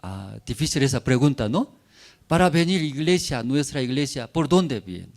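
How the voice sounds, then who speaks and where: Very animated and speaking at normal speed, this medium-pitched man preaches in church using plain, fragmented phrases. He keeps tossing short tag questions to his congregation to make sure they're with him.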